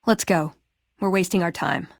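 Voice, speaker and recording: An American actress voices a spirited, sarcastic young woman, a scrappy scavenger and brawler companion, in video game dialogue. Her fairly low, gravelly voice moves at a moderate pace, sounding earnest and frustrated yet playful and quippy. The recording is dry and clean, with studio sound.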